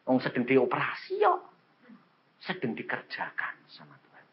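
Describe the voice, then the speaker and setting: An elderly man, preaching a sermon, dropping to quiet murmurs and rising to high excited cries as he acts out the people in his stories. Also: normal speed, dull audio. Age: 70s. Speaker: pastor.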